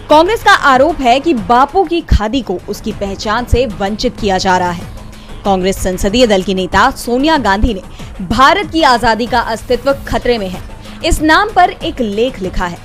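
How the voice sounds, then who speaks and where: A woman with a high-pitched voice narrates a scripted news report. She speaks as a reporter in voice-over, with music playing faintly underneath. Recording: music bed behind the voice.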